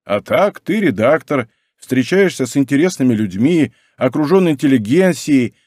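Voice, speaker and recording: A man voicing a good-natured Czech laborer who softens his consonants and lisps slightly. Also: mid-range voice, animated, moderate pace, dry recording, studio quality, natural voice. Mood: earnest.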